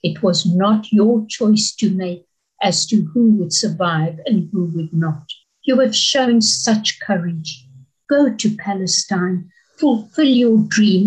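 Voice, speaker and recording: A woman's voice: medium pitch, takes it slowly, darkish tone, natural voice, poor audio. A woman reading as a grave old rabbi. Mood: solemn. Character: elderly male rabbi, solemn and consoling.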